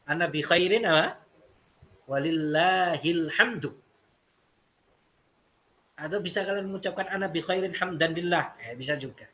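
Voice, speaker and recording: Man, Arabic teacher, patient repeating explanations, high bright voice. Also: moderate pace, long pauses. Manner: explains step by step, repeats phrases. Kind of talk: classroom lesson.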